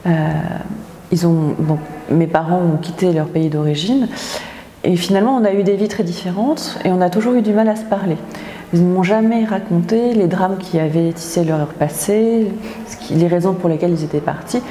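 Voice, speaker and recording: A woman from France, an author, speaking thoughtfully in an interview, pausing often with filler sounds. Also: on the low side, mellow, slight background noise. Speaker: author in residence. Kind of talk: reflective interview talk. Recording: echoey hall with faint ambience.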